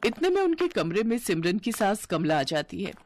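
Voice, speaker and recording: A woman narrating a cartoon story in a clear, steady storytelling way. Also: medium pitch, moderate pace, slight background noise.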